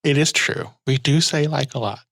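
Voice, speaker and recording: A woman's voice: very deep voice, moderate pace, creaky. A woman from California hosting a podcast, joking and bantering casually with her guest. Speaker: podcast host. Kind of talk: casual chat.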